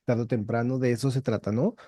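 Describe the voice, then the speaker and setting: A man's voice: medium pitch, steady tone, fast, dark tone, no room sound, clean studio sound. A man who teaches insurance exam prep, interviewing a student and encouraging her with checking questions.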